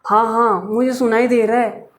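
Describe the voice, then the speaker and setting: A man's voice: very high voice, little pitch movement, moderate pace. A man voicing a lovesick young man who is eagerly pleading with his girlfriend over the phone.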